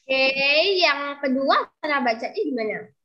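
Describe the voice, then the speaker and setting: Guru perempuan bersuara tinggi, santai. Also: female voice, high-pitched, expressive, a little slow, noisy background. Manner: chatty, calls herself kakak, coaxes students to answer. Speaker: English tutor. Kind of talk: online class teaching. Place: room growing dark, using a flashlight. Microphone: video call. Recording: dull lo-fi video call audio.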